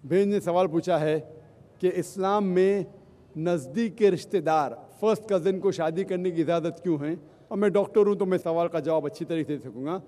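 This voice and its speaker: A man's voice: a little high, normal speed, dark tone. A male Islamic speaker answering audience questions at a public lecture, counting off his points one by one and mixing in English phrases. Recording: long hall reverb.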